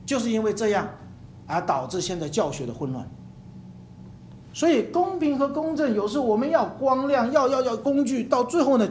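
A preacher giving a sermon to a congregation, emphatic and animated, acting out examples and repeating phrases for emphasis. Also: medium pitch. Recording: echoey room with faint hum.

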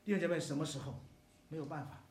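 A man's voice: a little high, fast talker, slight background noise. An older man preaching a sermon as pastor, emphatic, with many rhetorical questions to the congregation. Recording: echoey hall, mic at a distance.

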